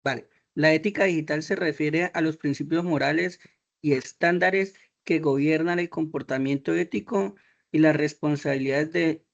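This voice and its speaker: A man's voice: fairly high pitch, moderate pace, creaky, highs cut off. A male student in an online class who answers the teacher politely and reads a text aloud. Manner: polite, addresses the teacher respectfully.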